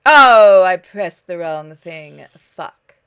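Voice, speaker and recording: Her voice is lowish, smooth, slightly bright and expressive, and she speaks very slowly. During a game playthrough with game music behind her, this streamer alternates between dramatic readings of the story text and casual chat with viewers.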